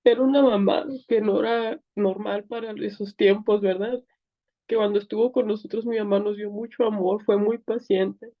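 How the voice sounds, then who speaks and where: A woman's voice: mid-range voice, steady tone, moderate pace, muffled recording. A woman with a Mexican accent, an interview guest giving an earnest, emotional personal testimony. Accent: Mexican Spanish. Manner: earnest, tearful at times, many fillers.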